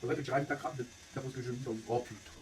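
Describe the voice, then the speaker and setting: A man's voice: medium pitch, far from the mic, very noisy. A man from France, a streamer and league organizer sick with a fever, ranting angrily and swearing constantly. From northern France. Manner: fuming, swearing constantly, rapid and animated. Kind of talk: angry live-stream rant. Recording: faint room ambience, off-mic.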